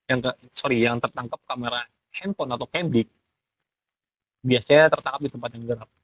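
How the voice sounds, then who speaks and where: A young man with a Jakarta accent chats casually in a medium-pitched voice. He explains step by step, halting as he searches for the right word. The sound is dry and close, with no room echo. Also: steady tone, fairly bright tone. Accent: Jakarta Indonesian. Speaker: ghost photographer being interviewed.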